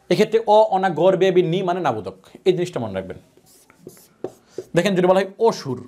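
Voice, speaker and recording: A man's voice: high voice, a little mellow. A man teaching a grammar lesson, asking questions and answering them himself. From Bangladesh. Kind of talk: classroom lecture.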